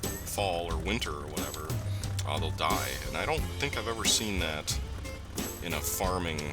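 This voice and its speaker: Casting: male let's play host, notably low pitch, slightly sick voice, casual and tentative thinking-aloud delivery, prominent music underneath. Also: normal speed. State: sick, voice affected. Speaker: gaming host. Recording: loud music behind voice. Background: game music and vehicle engine sounds.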